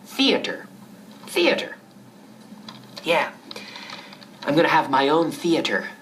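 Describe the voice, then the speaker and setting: A woman voicing an excited man buying a projector for his home, in a role-play for an English lesson, eager and repetitive. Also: low-pitched, extremely slow, slight background noise, pitched below the performer's own voice, heavily acted.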